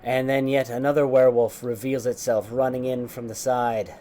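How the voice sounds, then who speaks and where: A man narrating a tabletop game as game master in a measured, descriptive way. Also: mid-range voice, flat delivery, dark tone, a little hiss or hum.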